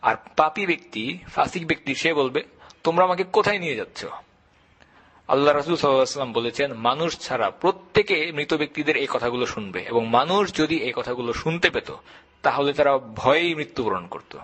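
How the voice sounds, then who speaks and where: A man giving an earnest, measured religious lecture, stressing his points through repetition. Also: medium pitch, animated, fairly bright tone, slightly rough. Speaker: Islamic lecturer.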